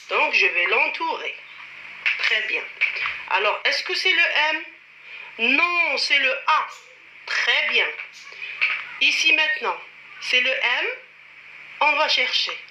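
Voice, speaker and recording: Slow, lively woman teaching children. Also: high voice. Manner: slow, drawn-out, counts strokes aloud; has children repeat after her. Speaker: primary school French teacher. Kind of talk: slow classroom instruction for children. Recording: dull lo-fi recording with clear background noise.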